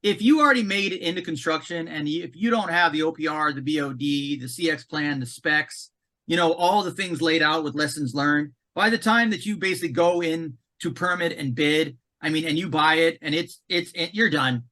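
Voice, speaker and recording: Emphatic male podcast guest, high voice with a bright edge. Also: a little fast. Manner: emphatic and animated, repeats words. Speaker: commissioning consultant, podcast guest. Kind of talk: casual podcast conversation.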